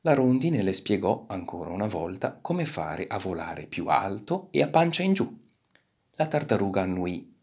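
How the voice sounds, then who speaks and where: A man narrating a children's story in a fairly low voice. His reading is animated and expressive, with a lively, swinging pitch that brings each scene to life. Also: moderate pace, breathy edge.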